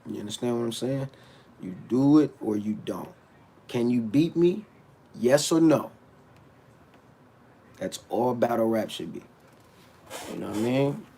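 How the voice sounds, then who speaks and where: This battle rapper's mid-range voice is expressive, mellow, and slightly rough, unhurried and full of frequent pauses. On his livestream he rants bluntly and animatedly, restarting words as he answers and talks back to his chat.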